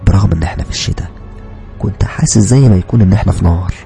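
Egyptian man narrating horror, low gravelly voice, whispers and urgent outbursts, music underneath. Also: rapid-fire. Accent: Egyptian Arabic. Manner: shifts between hushed whispers and loud, urgent lines. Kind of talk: dramatic horror story narration. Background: background music.

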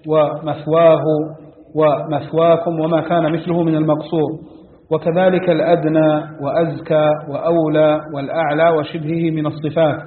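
Male student reader, quick monotone recital, slightly high voice, phone-like audio with a roomy echo. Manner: steady, even recital. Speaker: student reading the text aloud. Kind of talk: reading a classical text aloud. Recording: tinny phone-like audio, echoey hall.

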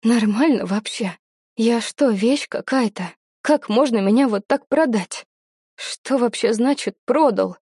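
A woman's voice: on the high side, a little slow, a little mellow, breathy edge, no room sound, clean studio sound. A woman voicing a flustered, indignant young heroine who protests.

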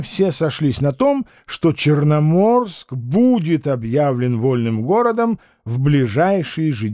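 A man reading a novel aloud as an audiobook narrator, expressive and acting out the characters. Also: on the high side, dry recording, studio quality.

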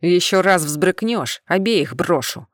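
A woman doing a gruff alien man. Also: fairly low pitch, animated, moderate pace, dry recording, clean studio sound, close to an everyday voice. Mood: brusque commanding. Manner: growling, curt commands. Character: gruff tailed alien man, brusque rescuer. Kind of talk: audiobook character voice.

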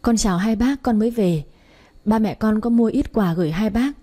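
Polite, deferential young woman guest, mellow husky voice , read by a woman. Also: a little high, normal speed, lightly acted. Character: young woman arriving to visit elders, polite.

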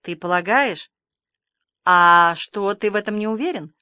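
Woman reading as a stern old farm lady, sharp and bossy, dry close sound. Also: mid-range voice, unhurried, smooth, no echo. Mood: scolding. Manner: sharp, scolding, decisive.

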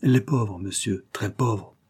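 A man reading an audiobook, voicing a frightened, harried woman in a soft, faltering way. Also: on the low side, a little slow, breathy edge. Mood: fearful.

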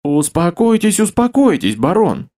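Man playing fretful fat servant, high, begging, babbling. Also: sing-song, a little slow, dark tone. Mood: pleading. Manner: pleading, babbling. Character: timid fat male servant, pleading and fretful.

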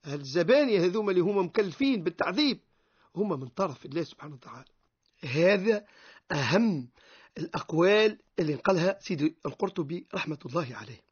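A man's voice: high voice, lively intonation, fast, husky. A man with a Tunisian accent, a sheikh giving a radio lecture on the Quran who poses rhetorical questions and answers them himself. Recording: dull lo-fi radio recording.

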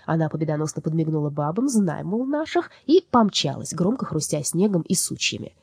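A woman narrating a fairy-tale audiobook in an expressive, lively reading style. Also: low-pitched, fairly quick, husky, no echo, studio quality. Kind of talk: storybook narration.

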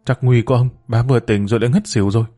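A man's voice: mid-range voice, fairly even intonation, fast talker, dark tone, husky, faint music behind, natural voice. A man voicing a panicked female housekeeper reporting bad news. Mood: flustered. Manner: flustered, urgent.

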